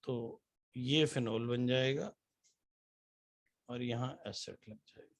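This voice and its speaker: A man teaches chemistry to a class in a slow, steady, medium-pitched voice. During this classroom lecture he repeatedly poses questions to the students and answers them himself, spelling out formulas letter by letter.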